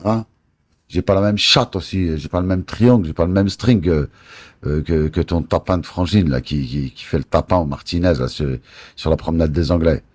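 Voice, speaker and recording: A man telling boastful, crude stories in rough street slang, close to the mic indoors. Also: sits low, moderate pace, darkish tone. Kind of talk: casual storytelling on a live stream.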